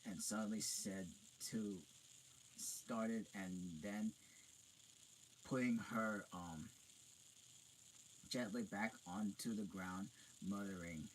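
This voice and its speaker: A man reading a novel aloud, halting and stumbling over words with frequent restarts. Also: lowish voice, a little hiss or hum, poor audio. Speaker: reader.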